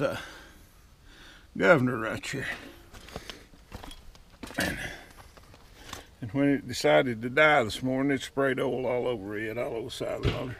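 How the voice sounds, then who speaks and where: A man's voice: medium pitch, creaky, a little hiss or hum. A man, giving a casual walkaround tour of his sawmill yard outdoors, talking in folksy dialect into a head-mounted camera. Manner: folksy rural dialect with double negatives. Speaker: sawmill owner. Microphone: head-mounted action camera.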